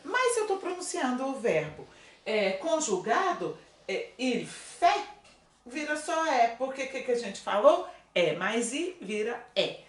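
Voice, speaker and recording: Brief: woman French teacher, higher voice that leaps around, leisurely pace, always checking in with viewers. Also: distant mic. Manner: slow, drawn-out model pronunciations with lively coaching asides; frequent tag questions to viewers. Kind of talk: online language lesson. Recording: roomy echo, voice a bit off-mic.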